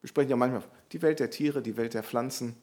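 A man delivers a Bible teaching sermon in an earnest, explanatory tone. His voice sits at an ordinary middle pitch. He circles back over key phrases to drive them home. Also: fast, darkish tone. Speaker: preacher.

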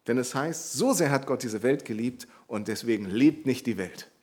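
Guy giving a bible sermon, earnest and explaining, middle-pitched voice, says the key bits twice. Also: animated, normal speed, darkish tone. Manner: earnest, explanatory, repeats key phrases for emphasis. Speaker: preacher.

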